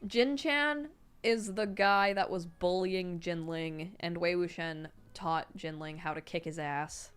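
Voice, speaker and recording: A woman with a lowish voice reads a novel aloud on a stream, with soft music playing under her. She throws in lively character voices and corrects herself as she goes. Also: takes it slowly, clear, resonant tone. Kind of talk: live read-aloud with chat asides.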